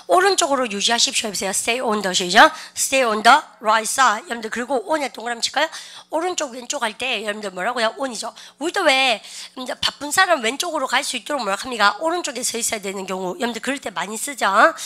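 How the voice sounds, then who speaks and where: A woman's voice: on the high side, bright, forceful tone. A woman teaching English vocabulary in a lecture, asking her students rhetorical questions and having them repeat phrases after her.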